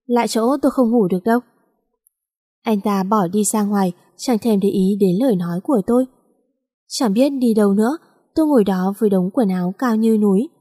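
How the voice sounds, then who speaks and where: A woman tells a first-person romance story in a plain, conversational way. Her voice is mellow and soft-edged. A long reverb echoes after her words. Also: medium pitch, a little fast.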